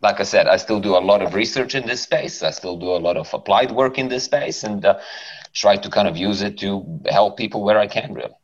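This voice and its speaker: A man, a guest psychologist chatting casually on a podcast, relaxed and swearing freely, often ending points with "right?". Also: fairly low pitch, a little fast. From Serbia. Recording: dull lo-fi podcast audio.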